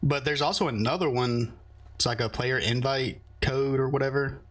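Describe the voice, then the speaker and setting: A relaxed man talks easily with a friend during an online roleplay session. He speaks at a middle pitch and fills his pauses with hesitant ums and uhs. His voice comes through a close headset mic. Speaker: roleplay streamer. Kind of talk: casual in-game voice chat.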